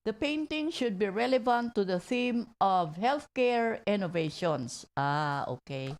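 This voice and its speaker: A woman's voice: mid-range voice, animated, a little slow. A woman radio host reading community announcements, stumbling over words now and then.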